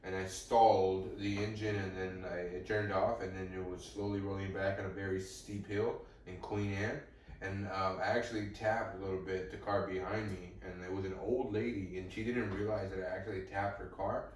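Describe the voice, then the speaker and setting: A young man co-hosting a comedy podcast, rambling through deadpan, absurd improvised stories. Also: sits low, normal speed, slight background noise. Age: young adult. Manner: deadpan rambling storyteller, escalating absurd bits. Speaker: podcast co-host. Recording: echoey room, distant mic.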